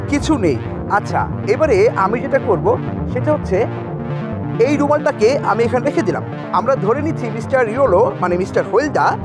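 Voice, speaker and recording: High-pitched man, children's magician. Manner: addresses children with short questions and prompts. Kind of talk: interactive children's stage patter with storytelling. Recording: music playing behind the voice.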